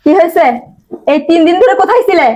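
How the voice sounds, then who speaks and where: A woman playing a sharp-tongued scornful wife. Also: very high voice, lively intonation. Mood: taunting. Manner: taunting, rude, rapid-fire questions. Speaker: wife and daughter.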